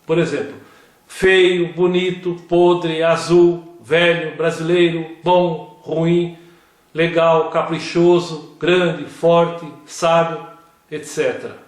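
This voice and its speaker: A man giving a slow scripted grammar lesson, reading word examples one at a time. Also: fairly high pitch, little pitch movement. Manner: reads word lists one by one. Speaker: grammar teacher. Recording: very echoey room.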